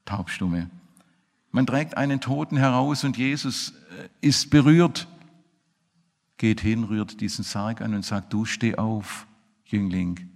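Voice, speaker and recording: A man preaching a sermon in a church, emphatic, swinging between loud outbursts and low murmurs. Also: creaky. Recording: echoey hall reverb.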